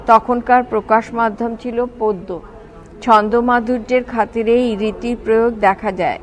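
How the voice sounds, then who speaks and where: A woman's voice: fairly high pitch, low-quality recording. A woman reading a grammar textbook aloud for visually impaired students, carefully spelling out each word example. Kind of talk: slow textbook read-aloud.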